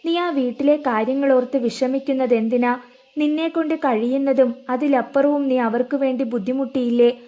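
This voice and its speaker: ഒരു വൃദ്ധനായ വല്യപ്പച്ചനായി സൗമ്യമായി സംസാരിക്കുന്ന ഒരു സ്ത്രീ, കഥ വായിക്കുന്നത്. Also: female voice, high-pitched, normal speed, close to an everyday voice. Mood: tender. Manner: gentle, coaxing. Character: older man, grieving elderly grandfather figure.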